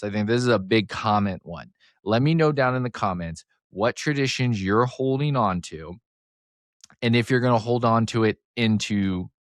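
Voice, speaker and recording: A man hosting a casual sports podcast alone, excitable and rambling, with a slight speech impediment that makes him mumble and trail off. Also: mid-range voice, no echo, clean studio sound. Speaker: podcast host. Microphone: close desk mic, sometimes turning off-axis.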